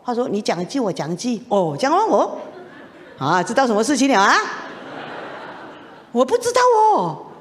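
A middle-aged woman gives her personal testimony to a church congregation, telling it in an animated way and acting out the lines of the people in her story. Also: mid-range voice, fairly quick. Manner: animated storytelling with laughs and acted-out quotes. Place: church hall. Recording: long reverb of a church hall.

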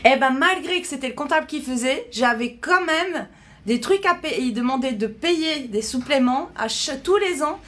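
A woman's voice: sits high, expressive, moderate pace, fairly bright tone. A woman in her thirties hosting a casual live stream from her shop, chatting to viewers through a phone held at arm's length. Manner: chatty, reads out viewer questions and answers them. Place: small shop with a big front window, indoors.

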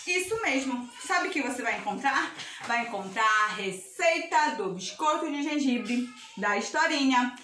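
A woman's voice: high-pitched, lively intonation, unhurried, bright, forceful tone, a little hiss or hum. A young adult woman with a Brazilian Portuguese accent teaching a video lesson to preschool children, encouraging and sing-song. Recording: echoey room, voice from a distance.

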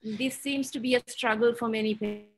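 A woman's voice: a little high, fairly even intonation, brisk, rough recording. A woman from Sri Lanka asking a long, thoughtful question on a video call over a bad connection. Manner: thoughtful, searching for words. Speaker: audience member asking a question.

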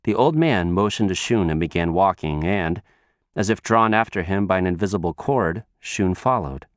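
A man narrating an audiobook in a measured, expressive storytelling manner. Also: low-pitched, dry recording, clean studio sound.

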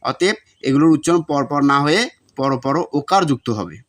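A man's voice: fairly high pitch, brisk. A man teaching, reading out exam notes and repeating example words to show their pronunciation.

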